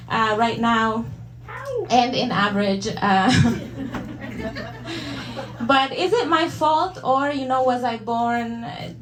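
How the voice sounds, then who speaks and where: A young woman from El Salvador with a Salvadoran Spanish accent, performing a stand-up set in a hesitant, self-deprecating way with many fillers and restarts. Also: on the high side. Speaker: stand-up comedian. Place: comedy venue with live audience. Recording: echoey room, audience laughter.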